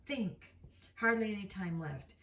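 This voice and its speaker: A woman's voice: lowish voice, normal speed, slight background noise. A woman reading a novel aloud in an unpolished way, with slips and self-corrections. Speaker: reader. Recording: roomy, mic at a distance.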